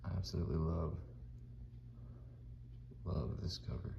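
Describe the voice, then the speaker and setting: A comic book channel host talks casually and narrates a dramatic read-along of a comic in a deep, dark, creaky voice with flat delivery at a measured pace. He's in an indoor room that sounds echoey and reverberant, with audible background noise and the high frequencies cut off.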